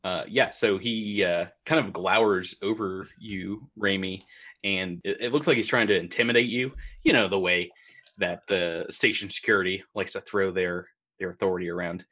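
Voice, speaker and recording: A man narrating as game master of a tabletop podcast, chatty and quick to laugh. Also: low-pitched. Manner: chatty, laughs often, lively.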